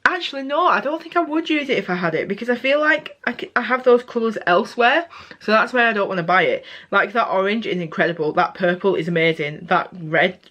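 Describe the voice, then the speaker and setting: A woman's voice: medium pitch, fairly quick, fairly bright tone, highs cut off. A young woman beauty vlogger giving a casual, candid product review, often correcting herself mid-sentence.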